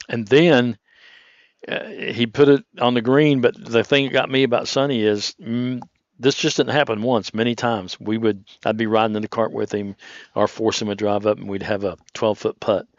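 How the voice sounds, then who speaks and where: A man giving relaxed, conversational golf commentary in a chatty, rambling, anecdotal way. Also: mid-range voice, no room sound, highs cut off.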